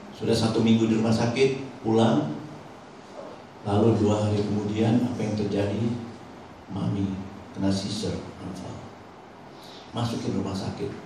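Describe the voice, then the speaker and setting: A man from Indonesia giving a personal testimony in church, telling his story in a conversational way and dropping in English phrases. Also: lowish voice. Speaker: lay speaker giving a testimony. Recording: very echoey church from a distant mic, with background noise.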